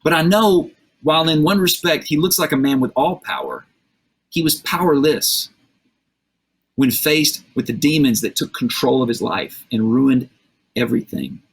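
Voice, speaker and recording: A man's voice: mid-range voice, sing-song, normal speed, husky. A man preaching a streamed sermon, retelling a scripture story conversationally with vivid asides and rhetorical questions. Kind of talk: livestreamed sermon.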